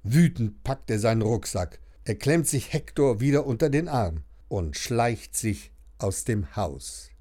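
Male audiobook narrator, children's story, very lively intonation. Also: mid-range voice. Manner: animated, expressive storytelling.

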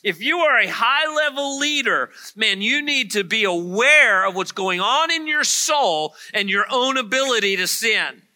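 A pastor preaching a lively, conversational sermon to his congregation in a church, with frequent asides to the listeners. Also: extremely high pitch. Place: church sanctuary.

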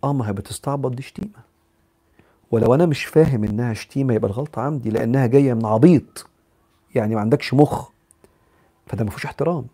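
A man's voice: medium pitch, rapid-fire, long pauses, warm tone, breathy edge. A man with an Egyptian accent giving a live religious talk, answering questions in a conversational way, mixing in English psychology terms and acting out examples.

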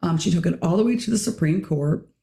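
A middle-aged woman hosts a casual podcast discussion in a hoarse, raspy voice with a gravelly, low-toned edge. She keeps clearing her throat. The sound is roomy, with a noticeable echo. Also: fast talker, warm tone. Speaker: podcast host.

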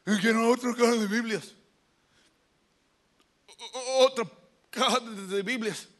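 A man's voice: very high-pitched, steady tone, measured pace, fairly bright tone. A man voicing a nasal-voiced man who stammers while trying to sell Bibles. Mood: earnest.

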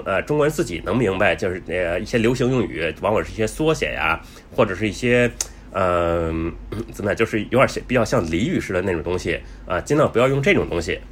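A travel vlogger with a lowish voice gives travel advice in a casual, explanatory way, full of fillers and restarts, and says he talks fast. There is slight background noise.

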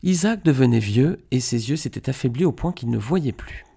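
Guy reading bible aloud, mellow husky voice, slow and steady. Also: medium pitch. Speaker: Bible reader.

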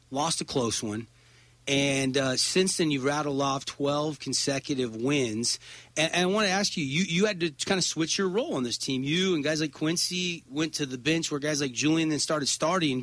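Man, sports radio host, a bit high voice, dry studio sound, chatty, repeats words. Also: a bit bright, no echo.

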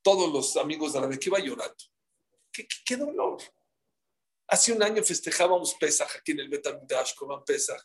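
A man's voice: a little high, fast, hardly any pauses. A man teaching a live Talmud class, telling the stories dramatically and firing rhetorical questions at his listeners.

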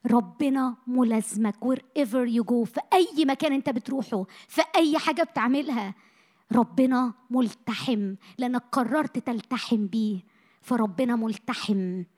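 A woman preaching a sermon to young people, passionate, moving from loud bursts to hushed lines, her voice a little tired. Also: on the high side. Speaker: missionary speaker. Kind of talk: sermon to a youth meeting.

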